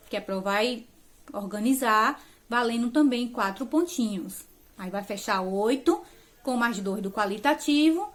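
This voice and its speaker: A woman from Brazil, a primary school teacher, patiently explaining a remote lesson task to parents and children step by step, checking in often and using affectionate diminutives. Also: a little high.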